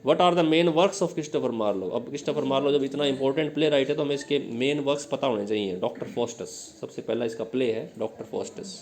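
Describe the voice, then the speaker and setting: Speaking a little fast with few pauses, a man with a mid-range, slightly mellow voice leads an exam-prep lecture. He works through the material step by step, drills students with questions, and often asks "ठीक है?".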